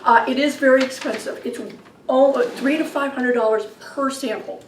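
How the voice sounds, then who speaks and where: A woman presenting a funding request at a public meeting, talking fast and apologetic in a casual way. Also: high-pitched, steady tone, a little hiss or hum. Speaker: agency presenter. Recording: echoey meeting room from a distance.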